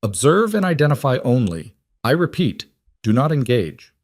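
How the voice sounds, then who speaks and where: A man's voice: mid-range voice, big pitch swings, normal speed, no room sound, studio quality, pitched above the performer's own voice. A man voicing a security chief giving clipped, urgent orders over an earpiece. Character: terse male security chief on radio.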